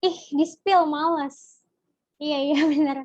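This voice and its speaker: High-voiced young woman tutoring biology. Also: steady tone, takes it slowly, darkish tone, no room sound, dull audio. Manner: chatty, asks the viewers questions and answers from chat. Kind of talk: casual online biology lesson.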